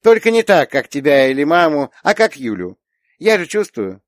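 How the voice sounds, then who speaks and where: A man's voice: big pitch swings, moderate pace, no echo, studio quality. A man reading an audiobook, voicing a cheerful, chatty little girl who keeps asking questions. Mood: eager. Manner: eager, questioning, high childlike voice. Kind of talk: audiobook character voice.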